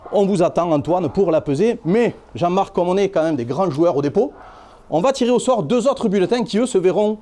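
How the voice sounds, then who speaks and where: A man hosts a live prize draw. He keeps the patter lively and playful. His voice is high but mellow. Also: fairly quick.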